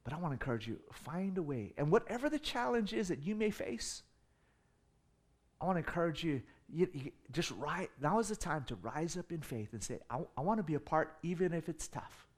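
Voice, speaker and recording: A man's voice: fairly high pitch, fairly quick. A middle-aged man from the United States preaching a sermon, telling stories with humor and building in intensity. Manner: animated storytelling with humor, rising in volume for emphasis. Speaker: pastor.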